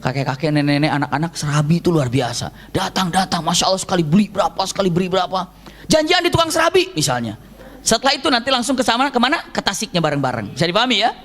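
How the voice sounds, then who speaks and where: A man giving a storytelling religious lecture, acting out shouted characters and laughing often. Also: sits high, sing-song, rapid-fire. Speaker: preacher.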